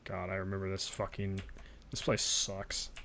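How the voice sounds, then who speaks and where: A man's voice: sits low, completely flat delivery, normal speed, pushed and bright. A man co-hosting a podcast, chatting in a laid-back way while his friend plays a video game, swearing freely. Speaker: podcast co-host. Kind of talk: casual gaming chat.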